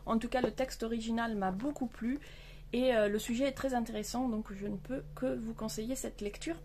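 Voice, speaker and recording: A woman chats casually about her reading in a vlog, her voice sitting a little high for a woman. She talks with her hands and fills her sentences with hesitations and restarts. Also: fairly even intonation, fairly quick, a little mellow. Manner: hesitant, many fillers and restarts. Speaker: book vlogger. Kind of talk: casual chat. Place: outdoor terrace.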